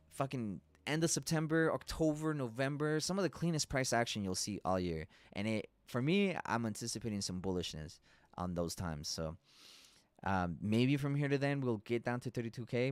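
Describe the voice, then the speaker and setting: A man's voice: mid-range voice, no room sound. A man hosting a live trading stream, talking loosely and casually through chart analysis, swearing and laughing as he goes.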